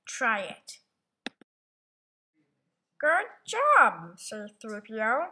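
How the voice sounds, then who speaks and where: Lady doing a bossy robot gym teacher, super bright voice, swoops up and down a lot. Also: a little high, huge pitch swings, drawn-out words, heavily acted. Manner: bossy, sing-song, drawn out.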